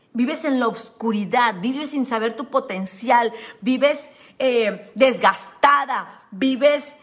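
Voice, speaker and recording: A woman's voice: sits high, fairly bright tone. A woman with a Mexican accent giving an emphatic motivational talk, telling a personal story with many fillers and repetitions. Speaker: motivational speaker.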